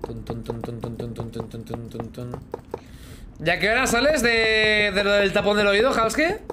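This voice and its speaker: On a live game stream, a Spanish man in his thirties with an accent from Spain jokes and chats with viewers, humming sound effects as he plays. He uses a headset in a small room, and his high, expressive voice moves at a measured pace with music in the background.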